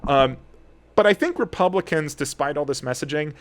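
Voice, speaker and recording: A man giving an earnest, animated explainer commentary as an attorney and commentator. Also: on the high side, moderate pace. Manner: earnest, animated, gets heated.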